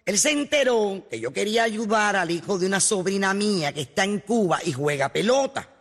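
A man voicing an indignant older woman who complains loudly in a radio comedy sketch. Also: sits high, expressive, a little fast, breathy edge, in a large hall, full character voice.

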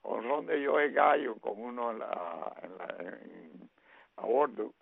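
Gravelly, husky man on sports radio. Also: medium pitch, expressive, slow, dry recording. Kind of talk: casual sports chat. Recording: dry, phone-like narrow sound.

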